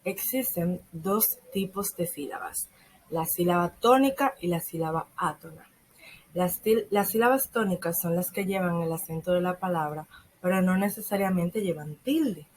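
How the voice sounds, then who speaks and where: A teenage girl, a secondary school student, reading a school lesson aloud from a script and slowing down on the examples. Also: fairly low pitch, low-quality recording. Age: teens.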